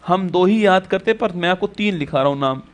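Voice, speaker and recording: Male coaching teacher with a high voice, repetitive, quizzing style. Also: brisk. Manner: repetitive, quizzes students with rhetorical questions. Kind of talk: exam-prep classroom lecture.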